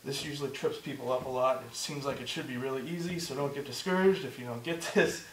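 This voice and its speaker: Speaking fast in a mid-range voice, a breathless, slightly hoarse instructor demonstrates a movement drill one step at a time, repeating "just like that" and "good" to encourage. The low-quality recording is reverberant with a distant mic and a little hiss or hum, and his voice is clearly giving out.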